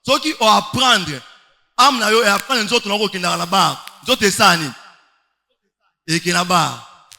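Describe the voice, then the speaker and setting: High bright-voiced preacher in a hall. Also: male voice, normal speed, gravelly, long pauses. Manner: emphatic, rhetorical questions, sing-song stretches. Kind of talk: sermon. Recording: long hall reverb.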